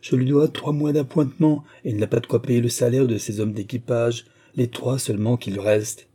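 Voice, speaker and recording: A man reading an audiobook, voicing a chatty, brash young woman film star who complains in lively slang, with a husky voice. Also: mid-range voice, normal speed, natural voice. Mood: complaining.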